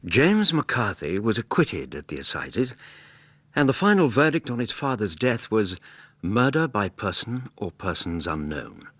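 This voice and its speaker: Doctor Watson, husky, low English gentleman. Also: very animated, a little slow, dry recording, exaggerated voice. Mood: sober narration. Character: warm-hearted Victorian gentleman doctor, loyal male narrator-companion. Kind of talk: radio drama acting and narration.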